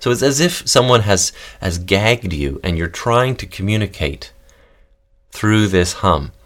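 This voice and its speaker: A man with a very low, deep voice leads a podcast voice lesson. He talks in a calm, guiding way and walks listeners through each exercise step by step. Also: unhurried. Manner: calm, guiding instructions with demonstrations. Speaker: voice and text coach.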